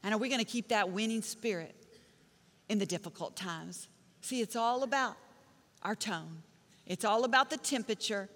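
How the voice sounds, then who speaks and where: A woman's voice: medium pitch, normal speed, fairly bright tone. A middle-aged woman pastor preaching a sermon, telling stories with emphatic, punchy repeated phrases. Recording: long reverb of a large hall.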